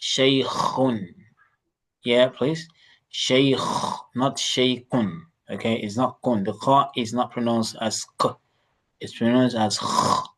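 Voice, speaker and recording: A man's voice: mid-range voice, steady tone, a little slow, fairly bright tone. Casting: male Arabic teacher, patient and repetitive, coaches pronunciation in an online lesson. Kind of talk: online class instruction.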